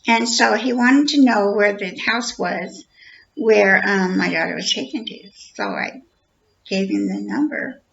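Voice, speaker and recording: A woman's voice: medium pitch, sing-song, a little slow, vocal fry, fairly bright tone. A woman giving an earnest, repetitive personal account, acting out the dialogue as she tells it. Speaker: storyteller. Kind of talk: personal account told to camera. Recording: dull lo-fi recording.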